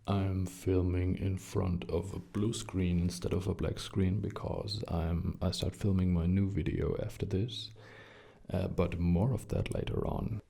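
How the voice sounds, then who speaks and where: A man chatting gently in a soft-spoken, hushed and breathy ASMR style, relaxed and close to the mic. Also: deep voice. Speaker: ASMR video creator. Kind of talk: soft-spoken ASMR chat, slipping into whispers. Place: small quiet rented studio room. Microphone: close shotgun condenser mics.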